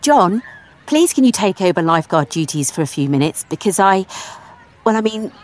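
A woman's voice: medium pitch, big pitch swings, moderate pace, natural voice. A woman reading the lines of a friendly adult female lifeguard who is amused and encouraging. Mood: amused, upbeat.

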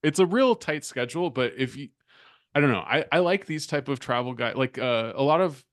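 A man's voice: medium pitch, animated, brisk, dry recording, clean studio sound. A man co-hosting a podcast in casual chat, rambling and laid-back with plenty of filler words. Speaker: podcast co-host.

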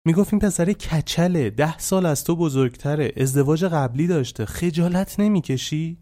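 A man's voice: a little high, mellow, pitched above the performer's own voice, lightly acted. A man voicing an indignant middle-aged stepmother who berates a girl in a mocking rant. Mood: scornful.

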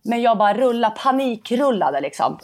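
A young adult woman, a padel player, telling a story in a casual interview and acting out the conversations she recounts. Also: fairly high pitch. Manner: animated storytelling, acts out quoted dialogue.

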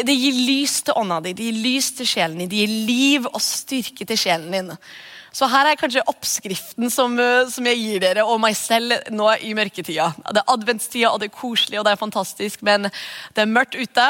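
A woman's voice: medium pitch, a bit bright. A woman in her thirties, a pastor, preaching an earnest, conversational sermon and praying. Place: church hall. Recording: long church reverb.

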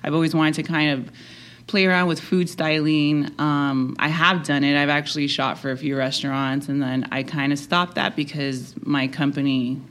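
A woman from Miami, a podcast guest chatting casually and laughing easily. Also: low voice. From Miami, United States. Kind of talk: casual interview chat.

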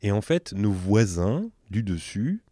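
A man's voice: lowish voice, sing-song, measured pace, dark tone, dry recording, clean studio sound. A man hosting a podcast, chatting casually and telling stories, laughing often. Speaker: podcast host. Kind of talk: casual chat.

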